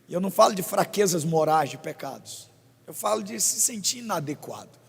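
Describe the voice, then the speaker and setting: Gravelly high-voiced man preaching. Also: brisk. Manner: animated, joking with the congregation. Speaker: pastor. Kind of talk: sermon. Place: church. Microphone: body-worn microphone. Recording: long church reverb.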